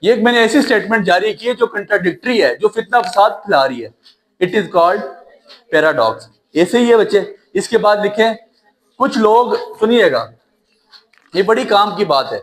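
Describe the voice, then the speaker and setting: A man teaches grammar in a lecture, and his voice sits noticeably high. He keeps checking whether students follow and slows down to spell out terms. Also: expressive. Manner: repeats checks like "right?", calls students "child", spells slowly. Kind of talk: classroom lecture.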